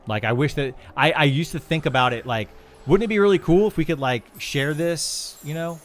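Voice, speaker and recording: A middle-aged male game streamer fields viewer questions live, loose and a bit rambling in his talk. He sounds a little high at a moderate pace, with background noise and ambience clearly present.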